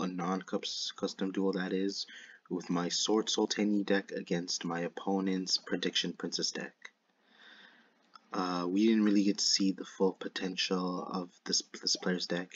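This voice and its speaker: A man's voice: sits low, slightly rough, dry recording. A man with a lisp and slushy s sounds, giving casual commentary over a card game replay on a dull microphone.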